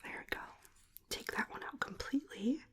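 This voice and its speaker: Woman in a whispered role-play, breathy. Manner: soothing, unhurried, murmured asides. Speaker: ASMR performer. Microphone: close ear-to-ear stereo microphone.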